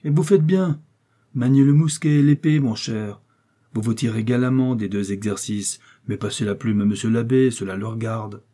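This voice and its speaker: A man's voice: medium pitch, moderate pace, warm tone, natural voice. A man reading the lines of a grave, proud noble musketeer who speaks in a stern, reproving way.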